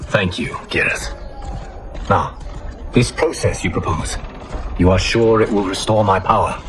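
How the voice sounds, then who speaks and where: An actor playing a noble, burdened god and protector in a video game, speaking gravely and formally. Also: male voice, sits low, a little slow, noisy background. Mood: earnest, grateful. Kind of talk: video game cinematic acting. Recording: music behind the voice. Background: music.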